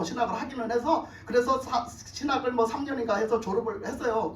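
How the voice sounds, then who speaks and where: A woman pastor preaching in a colloquial storytelling style, often laughing and acting out quotes. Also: high voice. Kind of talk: storytelling sermon. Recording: roomy church hall, distant mic, faint ambience.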